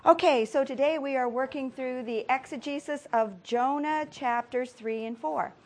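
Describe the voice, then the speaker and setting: A woman's voice: sits high, normal speed. A woman teaching a Bible study class, quizzing her students and laughing easily. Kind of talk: classroom Bible lesson with questions.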